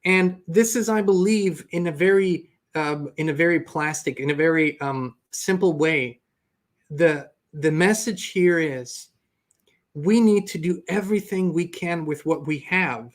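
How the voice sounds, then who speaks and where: A man's voice: fairly high pitch, a little slow. A man hosting an earnest, reflective spiritual motivational talk. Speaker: host.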